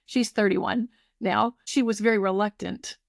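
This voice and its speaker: A woman's voice: medium pitch, fairly even intonation, unhurried, gravelly, no room sound, studio quality. A woman in her fifties who runs a tutoring program, talking effusively in a casual podcast conversation. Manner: warm, effusive, restarts sentences.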